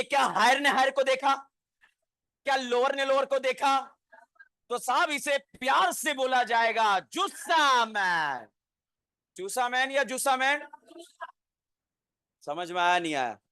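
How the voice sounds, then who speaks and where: A man teaching a chemistry class, asking the students quick questions and answering them himself, then dictating notes word by word. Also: very high voice, fairly bright tone, clear, resonant tone. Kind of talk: classroom lecture.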